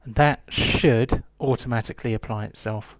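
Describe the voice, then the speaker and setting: A man serves as game master for a tabletop role-playing game, describing scenes haltingly and with many fillers. His voice is medium-pitched, and there's no echo.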